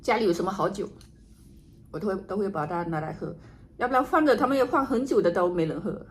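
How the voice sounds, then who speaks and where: A woman chatting casually to camera while she eats and drinks, musing in an unhurried way with murmured asides. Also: mid-range voice, expressive. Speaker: vlogger doing an eating and drinking livestream. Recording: noticeable background noise, home ambience.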